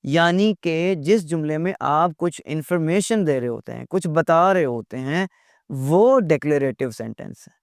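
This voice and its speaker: A man teaching English in a recorded lecture. He asks rhetorical questions, repeats his points and reads out the English examples slowly. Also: on the high side, expressive, creaky, clean tone, no room sound, clean studio sound.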